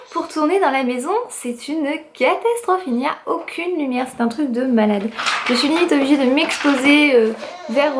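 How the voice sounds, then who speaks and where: A high-voiced young woman chats enthusiastically to camera from her apartment, dropping in many fillers; she's a family vlogger doing casual indoor vlog talk. Background noise can be heard.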